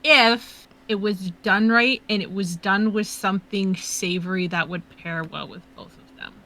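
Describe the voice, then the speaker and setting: A woman's voice: mid-range voice, a little slow, bright, forceful tone, a little hiss or hum. A woman guesting on a podcast, laid-back and blunt, swearing casually as she chats. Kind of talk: casual chat.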